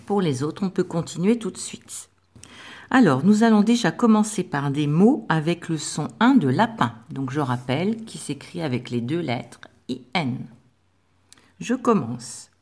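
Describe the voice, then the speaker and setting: A primary school teacher slowly and patiently dictates to young pupils, articulating each sound with care as she spells it out. Her voice is low-pitched, animated and a little mellow.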